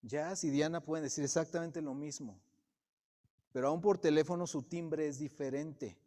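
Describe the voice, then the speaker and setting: A preacher in a church sanctuary delivers a sermon at normal speed, his fairly high voice mellow and steady. He keeps addressing the congregation with direct questions, while the hall lends a long, ringing reverb to every word.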